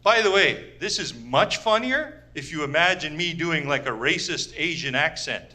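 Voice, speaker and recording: A man's voice: fairly high pitch, lively intonation, normal speed, bright, forceful tone. A man doing a stand-up comedy set for a small audience, rambling and cutting himself off often. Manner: rambling, self-interrupting, restarts often. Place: small live audience venue.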